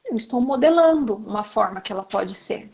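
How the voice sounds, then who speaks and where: A woman's voice: a little high, animated, a little fast, darkish tone, husky. A Brazilian woman with a Brazilian Portuguese accent, teaching a class to educators in a chatty, conversational way and often turning to her listeners. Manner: chatty, addresses the audience directly with frequent fillers. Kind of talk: conversational lecture.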